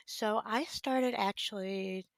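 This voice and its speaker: A woman hosts a laid-back art livestream, her mid-range voice still raspy as it recovers. She speaks in a relaxed, halting manner with plenty of ums, picked up cleanly by a desk microphone with no echo.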